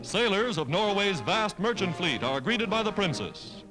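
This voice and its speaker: A man narrating an old 1940s wartime newsreel in a brisk, dramatic announcer manner. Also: sits high, sing-song, over loud music, rough recording.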